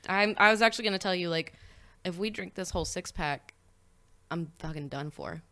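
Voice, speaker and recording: A woman in her twenties from Paris, Texas, with a Texan accent, chats candidly as a guest in a casual conversation, swearing freely and laughing at herself. Her voice is on the low side, fairly quick, pushed and bright, with a little hiss or hum.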